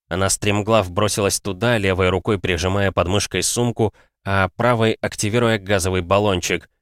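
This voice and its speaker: A man narrating an audiobook in a steady, even storytelling manner. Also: lowish voice, no room sound, studio quality.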